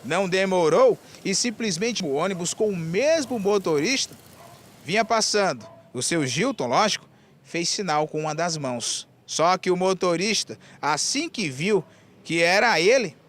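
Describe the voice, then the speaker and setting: A man's voice: lively intonation, moderate pace, fairly bright tone. A male TV reporter with an Amazonas Brazilian accent narrating a scripted news story in a dramatic way. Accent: Amazonas Brazilian Portuguese. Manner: dramatic storytelling delivery with wide pitch swings.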